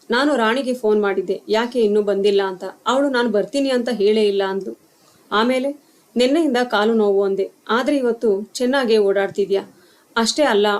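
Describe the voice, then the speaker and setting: A woman voicing a calm young husband and son who gently reasons with his mother in a storybook tale. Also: a little high, natural voice.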